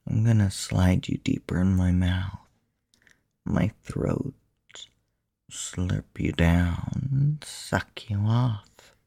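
A woman speaks in a very slow, husky half-whisper with a gravelly fry at the edges of her words. Her tone is teasing and commanding, close to the microphone, in a dry, dead room. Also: very deep voice, dark tone, dry recording. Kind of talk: whispered erotic ASMR roleplay.

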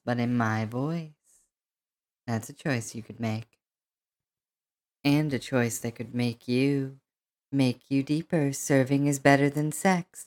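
A woman speaking as a hypnotist right in the listener's ear, in a commanding, deliberate, lulling monologue full of repetition. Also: rumbling low, darkish tone. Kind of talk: slow hypnosis monologue, spoken close in the ear.

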